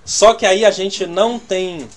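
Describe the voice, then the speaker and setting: A man teaching a church congregation in a conversational way, often checking that his listeners understand, his loudness swinging from quiet asides to emphatic bursts. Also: high voice, fairly even intonation, measured pace, a little hiss or hum. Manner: conversational, checks the audience with constant "né?" and "tá entendendo?".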